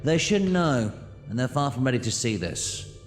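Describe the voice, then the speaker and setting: A man playing an eccentric, commanding time-travelling alien adventurer in an audio drama, with a theatrical, excitable delivery. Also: mid-range voice, normal speed, soft background music, lightly acted. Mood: brisk, curious.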